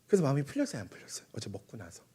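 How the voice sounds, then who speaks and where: A young man preaching a lively sermon at a church, asking the congregation questions and acting out quotes. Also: medium pitch, rapid-fire, breathy edge. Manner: animated, asks the congregation questions and acts out quotes. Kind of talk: lively family-worship sermon. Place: church sanctuary.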